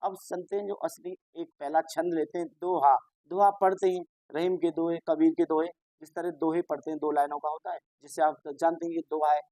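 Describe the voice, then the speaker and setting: A man's voice: on the high side, level tone, brisk, hardly any pauses, warm tone, no room sound. A male teacher giving an exam-prep lesson, patiently explaining, repeating reminders and asking and answering his own questions.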